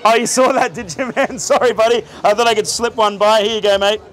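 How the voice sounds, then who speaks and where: A high-voiced Australian in his thirties gives street magic show patter at a night market, playing to the onlookers with jokes and a projected voice. His intonation stays fairly even while he talks fairly quickly. Crowd and music can be heard behind him on the outdoor camera audio.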